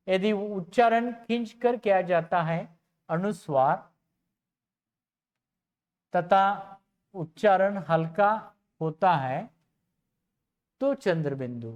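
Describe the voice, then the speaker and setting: A teacher gives a recorded lecture to students, explaining slowly and repeating example words one at a time. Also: medium pitch, a little mellow, muffled recording.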